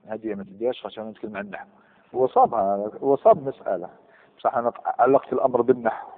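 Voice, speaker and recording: A man's voice: mid-range voice, fairly even intonation, rapid-fire. A man teaching grammar in a lecture hall. He quizzes his students and repeats key words. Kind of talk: classroom lecture. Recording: phone-like sound with long hall reverb.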